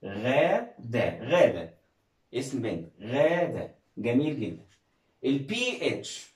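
A man's voice: medium pitch, sing-song, moderate pace, roomy sound, rough recording. A man with an Egyptian Arabic accent teaching an English reading lesson, coaxing viewers with questions and praise. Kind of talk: classroom-style video lesson.

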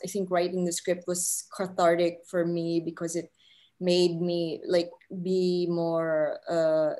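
The speaker is a panel guest, a film writer and director in her thirties from the Philippines, offering hesitant, reflective, casual interview answers. She's on a video call in her living room using a laptop mic, and her voice is on the low side and a little mellow.

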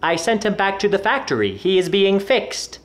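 A man putting on a flat, stiff robot voice. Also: sits high. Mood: deadpan. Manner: slow, flat, monotone robot voice. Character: robot posing as a man's brother, flat and stiff. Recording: echoey room with faint music.

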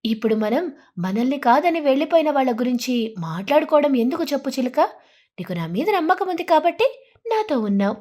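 A woman doing a gentle, fair-minded sparrow. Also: sits high, sing-song, fairly quick. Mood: earnest. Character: female sparrow, kind, fair-minded homeowner.

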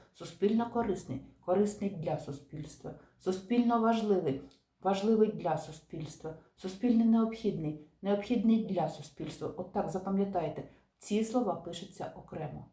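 Calm woman teacher, echoey room. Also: on the low side. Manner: calm, methodical, stresses example words. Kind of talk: explaining spelling rules to viewers.

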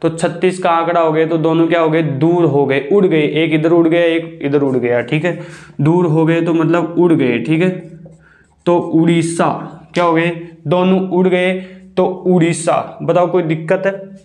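Male teacher, high-pitched, quizzes and answers himself in a classroom lesson, recorded in an echoey room. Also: fairly even intonation, a little mellow. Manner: repeats questions and answers them himself, drawn-out key words.

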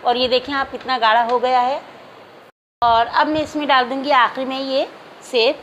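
A woman calmly talking viewers through a home recipe, step by step, as the host of a cooking channel. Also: sits high, moderate pace, highs cut off, a little hiss or hum. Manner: calm, instructive, addresses viewers directly.

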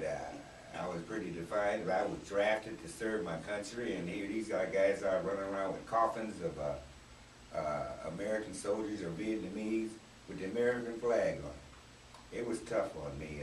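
A man in his sixties, a Vietnam veteran, reflecting haltingly on a radio roundtable with many fillers. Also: sits low. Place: small radio studio. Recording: roomy, distant camera audio with faint noise.

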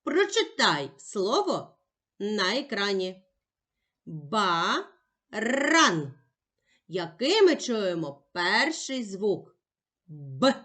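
A woman teaching young children in a patient, emphatic way, sounding out each letter slowly. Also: medium pitch, very animated, a bit bright. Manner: patient, sing-song and emphatic, spelling out sounds one by one. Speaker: primary school teacher. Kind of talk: slow, clear classroom instruction for young children.

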